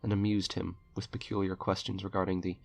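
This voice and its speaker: A man with a low, gravelly voice reads an eerie short story aloud in a dramatic audiobook style, like a storyteller, keeping a level tone at a slightly quick pace. Eerie music plays beneath his narration.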